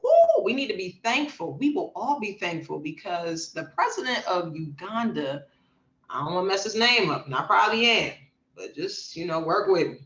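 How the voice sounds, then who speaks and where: A woman co-hosting a podcast reads news items and reacts in casual, emphatic chat, telling stories in an animated way. Her voice is lowish at a normal speed, recorded lo-fi in an echoey room.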